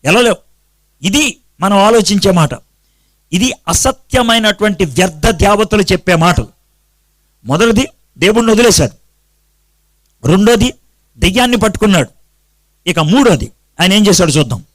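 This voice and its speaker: A man preaching a sermon to a congregation as pastor. He asks his listeners questions, answers them himself, and counts out his points slowly and with emphasis. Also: high voice, expressive, fairly bright tone, no room sound.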